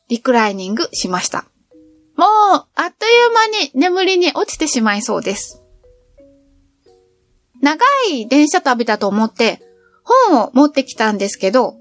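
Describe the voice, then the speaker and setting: A woman's voice: high voice, no room sound. A middle-aged woman narrating her train trip in a cheerful, chatty storytelling manner. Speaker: travel vlogger. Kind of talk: scripted travel narration.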